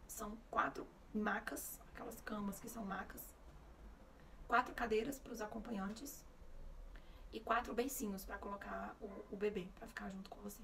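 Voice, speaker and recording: A woman's voice: mid-range voice, gravelly, fairly bright tone, distant mic, slight background noise. A young woman from Brazil with a Brasília Portuguese accent, telling a personal story to camera in a candid, conversational way and acting out the dialogue. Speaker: vlogger.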